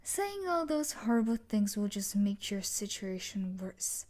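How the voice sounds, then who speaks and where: Annoyed and threatening, a woman plays an obsessive stalker character from a dark romance book in an intimate roleplay. Her medium-pitched voice swings widely in pitch and stays unhurried. She sounds breathy and coaxing, with quiet menace, often dropping to a whisper.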